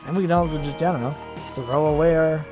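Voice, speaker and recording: Let's play host, male, slightly raised pitch, offhand rambling commentary. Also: fairly even intonation, fast talker, music in the background. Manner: rambling, self-deprecating asides. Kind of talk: casual gameplay commentary.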